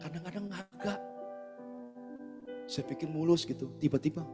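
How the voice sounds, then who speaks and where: A man's voice: on the high side, moderate pace. A male pastor giving a casual, chatty storytelling sermon, speaking directly to his congregation. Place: church service hall. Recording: long church reverb, soft guitar behind.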